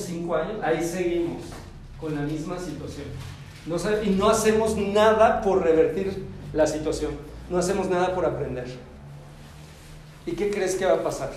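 High-voiced man speaking in a hall. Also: darkish tone, a little hiss or hum. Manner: playful, acts out little scenes, asks the audience questions. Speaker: speaker giving a talk on forgiveness. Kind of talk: lively conference talk. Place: large hall before an audience. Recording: echoey hall, voice from far off.

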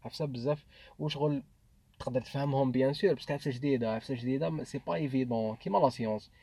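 A man's voice: medium pitch, very fast, gravelly, mellow, slightly rough. A man with an Algerian accent talking through ideas in a casual podcast discussion, slipping between Arabic and French. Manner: mixes French into Arabic, thinks aloud with restarts.

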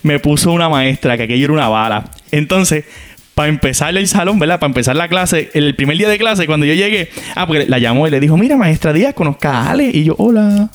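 A man with a Puerto Rican accent telling a comic story from his school days in a playful, animated way. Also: fairly high pitch, quick pace. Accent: Puerto Rican Spanish. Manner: animated, playful, acts out characters.

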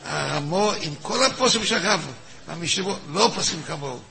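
In a lively Torah lesson, a weekly class teacher speaks in a fairly high voice marked by vocal fry. He stages both sides of a halachic debate animatedly, repeating words and quizzing his audience throughout.

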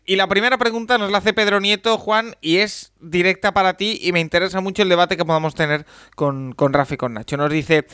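A man's voice: high-pitched, dry recording, studio quality. A man hosting a football podcast, introducing guests and reading listener questions in casual chat. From Spain. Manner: bright, clear, introduces and reads listener questions. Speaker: podcast host.

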